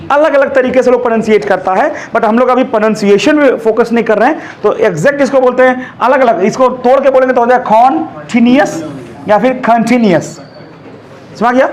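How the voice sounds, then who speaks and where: High-pitched male teacher, joking and chatty in class, keeps checking the students follow. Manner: chatty, joking, asks "है कि नहीं?" often. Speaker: English teacher. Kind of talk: classroom lesson.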